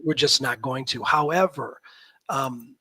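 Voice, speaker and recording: A man in his fifties from Nebraska, a guest talking in a casual, animated, opinionated way on a video call. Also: medium pitch, measured pace, slightly rough, no room sound, rough recording. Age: 50s. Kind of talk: casual chat.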